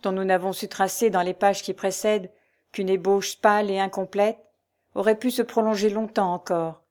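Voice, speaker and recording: A woman narrating a novel in an even, measured reading. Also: mid-range voice. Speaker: audiobook narrator.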